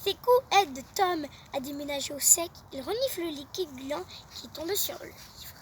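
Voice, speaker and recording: A young woman reading a children's bedtime story aloud, with a lively read-aloud manner. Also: sits high, normal speed, recorded from a distance, slight background noise.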